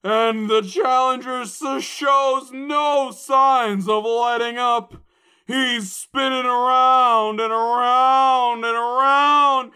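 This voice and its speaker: A man doing a loud, drunk fight announcer. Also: sits high, fairly even intonation, drawn-out words, clean tone, heavily acted. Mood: frantic. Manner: hyped-up play-by-play shouting. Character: brash male arena fight announcer. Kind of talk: drunken storybook podcast reading.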